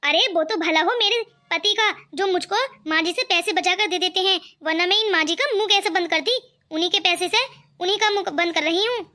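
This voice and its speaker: A woman's voice: extremely high pitch, fairly quick, sharp tone. Woman voicing a sly young wife. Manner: sly, mocking asides.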